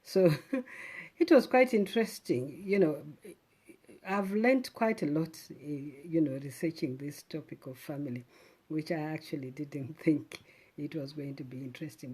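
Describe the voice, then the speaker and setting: A middle-aged woman from Zimbabwe, hosting a casual live stream and thinking aloud in an unhurried way, with many "um"s and restarts. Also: sits low, warm tone, breathy edge.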